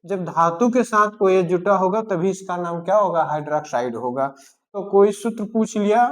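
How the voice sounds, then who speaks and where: High-voiced Indian man teaching chemistry. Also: normal speed. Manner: asks questions and answers them himself, repeating key terms. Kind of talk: classroom-style lecture.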